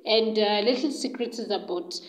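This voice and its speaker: A woman's voice: mid-range voice, moderate pace, low-quality recording. A woman telling a story in a casual, chatty way, loose and full of fillers.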